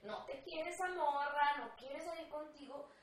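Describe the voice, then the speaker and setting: A high-pitched young Mexican woman chatting on a podcast, a bit away from the mic in a very echoey room. She tells stories with gusto and acts out every voice she quotes. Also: moderate pace, distant mic, slight background noise. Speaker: podcast co-host. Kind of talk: casual chat.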